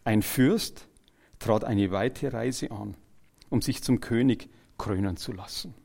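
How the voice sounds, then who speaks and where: Gravelly preacher, loud then hushed. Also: male voice, on the low side, slow. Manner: swings between loud exclamations and quiet, earnest asides; jokes with the congregation and retells scripture in everyday terms. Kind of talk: evangelical sermon.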